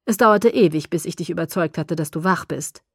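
A woman reading the lines of a gloomy, tender young male vampire lover in an audiobook, in a lower, hushed voice. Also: a little fast, husky, no echo, clean studio sound. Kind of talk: audiobook character voice.

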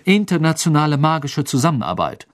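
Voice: mid-range voice, very animated, fairly quick, pitched above the performer's own voice, close to an everyday voice. A reader voicing a pompous, self-important teenage prefect in an audiobook. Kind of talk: audiobook character voice.

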